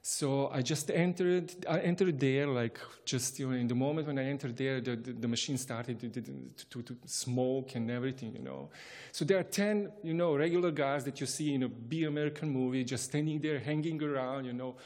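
A storyteller from Bosnia and Herzegovina shares a personal travel anecdote in English, chuckling often and speaking haltingly as he keeps restarting his sentences. His medium-pitched voice is a little mellow.

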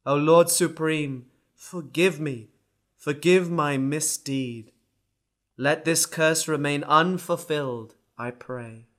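A man's voice: on the high side, slow pace, fairly bright tone. A man voicing a grief-stricken, remorseful king in a storybook reading, speaking in a pleading, anguished way.

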